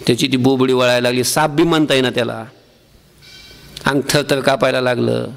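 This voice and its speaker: A man giving a devotional sermon as a preacher, asking the listeners questions and answering them himself, and slowing down to chant verses. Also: medium pitch, fairly even intonation, vocal fry, in a large hall. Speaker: Varkari preacher.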